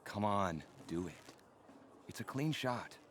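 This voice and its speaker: Low, cocky fantasy marksman. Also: expressive, slow. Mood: cocky, focused. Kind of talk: video game cutscene acting. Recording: distant, quiet game audio, loud noise.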